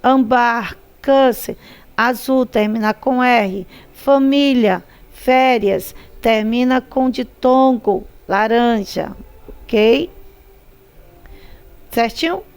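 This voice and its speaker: Slow, gravelly-voiced Brazilian woman teacher. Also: a little high. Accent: Brazilian Portuguese. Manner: drawn-out syllables, repeats words to stress them. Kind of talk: slow, patient classroom instruction.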